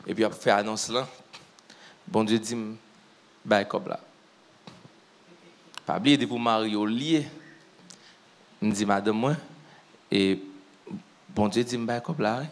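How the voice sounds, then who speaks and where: A man's voice: fairly low pitch, slow pace, pauses often. Man telling a sermon story. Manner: animated storyteller who acts out what people said. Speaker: preacher.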